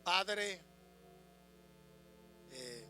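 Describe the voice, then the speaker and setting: A man preaching a sermon as a pastor, swinging between loud proclamation and quiet asides, asking the congregation questions. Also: high-pitched, expressive, very slow. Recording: music and mains hum behind.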